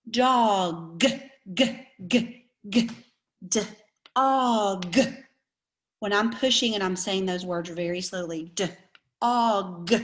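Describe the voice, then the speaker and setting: A young adult woman teacher giving a recorded video lesson, talking slowly to young children and stretching out the sounds of words. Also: medium pitch. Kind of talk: kindergarten writing and read-aloud lesson.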